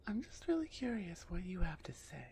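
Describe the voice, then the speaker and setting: In an ASMR roleplay, a woman voices a gruff female minotaur executioner, husky and often half-whispered, sardonic and impatient with her captive in a grudging mood. Her voice sits on the low side with a darkish, sing-song tone at normal speed. Slight background noise is present.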